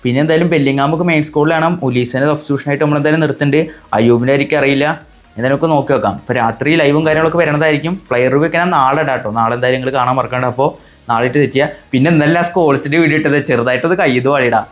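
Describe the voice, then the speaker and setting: Excitable young Malayali gamer. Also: male voice, mid-range voice, very fast, faint music behind. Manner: exclaims loudly, mixing English into Malayalam. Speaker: gaming channel host. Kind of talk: excited pack-opening commentary.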